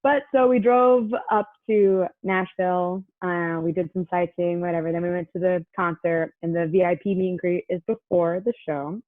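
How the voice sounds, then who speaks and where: A woman's voice: lowish voice, steady tone, normal speed, hardly any pauses. A young woman tells a story in a loose, chatty way, filling it with "like" and acting out what others said. The sound is thin and tinny, as if over a phone line, with no room echo. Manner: chatty, many "like" fillers, acts out quotes. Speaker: guest. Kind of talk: casual storytelling.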